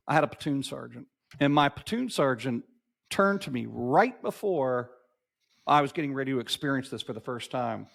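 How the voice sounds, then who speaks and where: With a medium pitch, some vocal fry and a fairly bright tone, a fifty-something man tells stories as a podcast guest. He runs a marketing agency, and his animated interview storytelling is emphatic and motivational, with key phrases repeated for effect.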